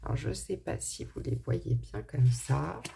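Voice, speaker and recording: A woman's voice: very deep voice, animated, a little slow, gravelly, mellow, a little hiss or hum. A woman with a slight lisp on her s sounds, giving an informal card reading and thinking aloud in a hesitant way. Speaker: tarot and angel card reader.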